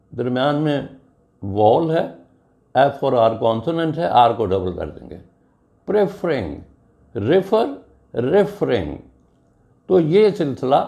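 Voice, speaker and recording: A man with a Pakistani accent teaching English grammar and spelling out each word letter by letter. His delivery is slow and deliberate, with a gravelly edge to his voice. His pitch sits fairly high and moves lively up and down. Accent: Urdu-flavored Pakistani English. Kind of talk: grammar lesson.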